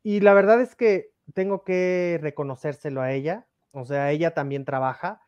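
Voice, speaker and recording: A man's voice: fairly high pitch, moderate pace, no room sound, muffled recording. A man, a podcast guest, telling personal stories casually and acting out the dialogue with animation. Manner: animated, acts out quoted dialogue. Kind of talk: casual storytelling.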